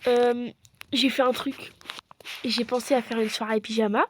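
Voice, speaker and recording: Female game player, high voice, chatty step-by-step role-play narration, with noise behind her. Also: fairly even intonation, unhurried. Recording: noisy home background.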